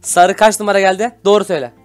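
A man's voice: high-pitched, fairly even intonation, very fast, faint music behind. Bossy, teasing young male gaming host. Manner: teasing, bossy, laughs often, talks to viewers. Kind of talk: casual Minecraft gameplay commentary.

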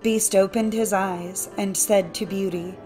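A woman's voice: medium pitch, fairly even intonation, unhurried, over music. Woman narrating a fairy-tale audiobook. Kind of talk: scripted storybook narration.

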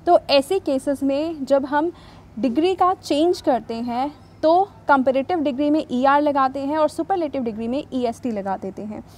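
High-pitched female teacher, patient and methodical, walks students through a worksheet. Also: a little mellow. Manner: patient, reads English rules slowly then explains; repeats "thik hai" to check understanding. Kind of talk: explaining a grammar worksheet.

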